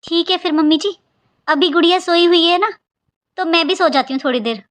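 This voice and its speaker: A woman's voice: very high voice, brisk, fairly bright tone. A woman voicing an overworked young daughter-in-law and new mother who pleads her case in a Hindi cartoon. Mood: pleading. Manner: pleading, complaining, earnest.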